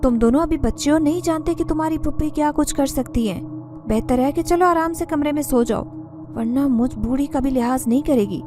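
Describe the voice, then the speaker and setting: A woman's voice: high voice, brisk, music in the background, pitched above the performer's own voice, natural voice. A woman voicing a stern, scolding old female housekeeper in a spoken story. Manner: scolding, raised voice.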